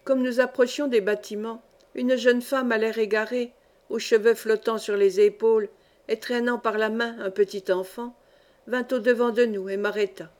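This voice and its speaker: A woman's voice: a little high, steady tone, moderate pace, darkish tone. Woman reading a classic novel aloud. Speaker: audiobook reader. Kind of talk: scripted narration.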